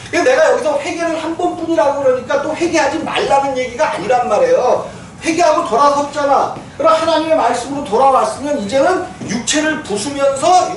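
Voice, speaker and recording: A male pastor giving a conversational sermon, asking his listeners questions and laughing now and then. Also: very high-pitched. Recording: echoey church hall from far off, faint noise.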